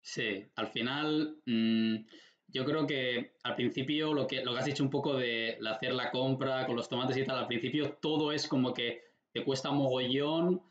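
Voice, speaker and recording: A man's voice: mid-range voice, normal speed. Young guy hosting a chill video call interview on a headset, muffled lo-fi sound, echoey room. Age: young adult. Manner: relaxed, listening with frequent short backchannels. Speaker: interview host. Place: small room indoors.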